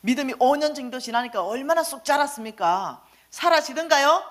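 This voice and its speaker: A woman's voice: high voice, animated, a little fast. A woman giving a sermon testimony at a church service, pressing the congregation with direct questions. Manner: questions the audience directly, urging answers.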